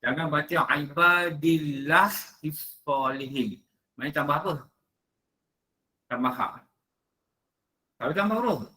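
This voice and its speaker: A man's voice: on the high side, a little slow, pauses often, sharp tone. Emphatic man quizzing his class. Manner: drilling, quizzing listeners with rhetorical questions; emphatic, repeats rules in short clipped phrases. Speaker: religious teacher. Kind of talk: mosque lecture on prayer recitation. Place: prayer hall.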